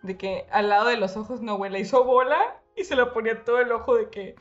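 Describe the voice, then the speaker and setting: Young Mexican woman, high-voiced, animated storyteller, casual podcast chat. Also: brisk, muffled recording, soft background music. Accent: Mexican Spanish. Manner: animated storytelling with slang and English mixed in.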